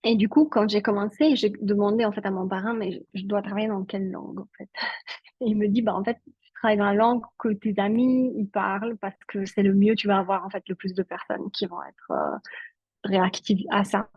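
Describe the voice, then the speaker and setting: A Swiss woman whose first language is Italian chats casually as an interview guest, using lots of filler words. Her mid-range voice is husky and fairly quick, with fairly even intonation. The audio is dull, with no echo.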